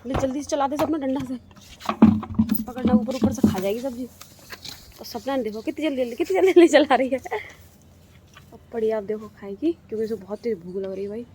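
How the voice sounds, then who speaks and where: A young family vlogger with a fairly high voice narrates her family's day at their rural home, with its cattle yard and kitchen. She talks fairly quickly but with long pauses, chatty and repeating herself for emphasis, over a noisy background.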